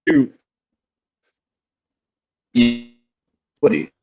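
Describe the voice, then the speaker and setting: A man's voice: extremely slow, lo-fi sound, faint music behind. A man co-hosting a casual chat, rambling through filler-heavy talk while his call audio breaks up and crackles. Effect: crackling online call audio, breaking up. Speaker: podcast co-host.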